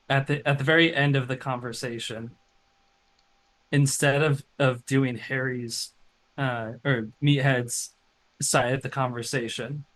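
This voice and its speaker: Player guy, slow and halting, keeps restarting, mid pitch. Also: a bit bright, rough recording. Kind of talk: casual tabletop game talk.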